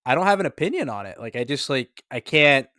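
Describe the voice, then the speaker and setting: A man co-hosting a casual podcast, laid-back and joking, with quick agreeing interjections. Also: mid-range voice, sing-song, bright, forceful tone, clean tone, dry recording, clean studio sound. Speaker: podcast co-host.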